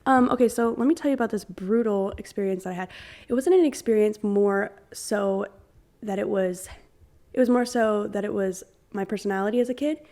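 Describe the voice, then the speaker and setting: A young woman in a relaxed podcast chat, talking in long, rambling runs full of "like" and little acted-out quotes. Her voice sits at an ordinary middle pitch. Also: fairly quick. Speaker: podcast co-host. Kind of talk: casual chat.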